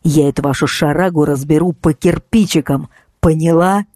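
A woman's voice: fairly low pitch, lively intonation, moderate pace, warm tone, dry recording, clean studio sound. A woman voicing a young man, a manipulative ex-boyfriend who pleads and then snarls threats in an audiobook. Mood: menacing.

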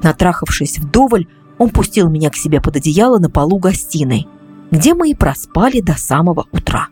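A woman reading a first-person story aloud as an audiobook in a confessional, calmly explaining way. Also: lowish voice, fairly quick, faint music behind. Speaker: audiobook narrator.

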